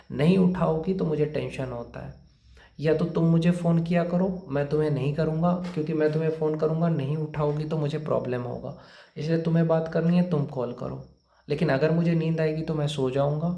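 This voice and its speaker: A man's voice: on the high side, vocal fry, dark tone, muffled recording. A man giving blunt, lecturing relationship and career advice, repeating his points to the listener. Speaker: advice speaker. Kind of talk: motivational advice talk. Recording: echoey room.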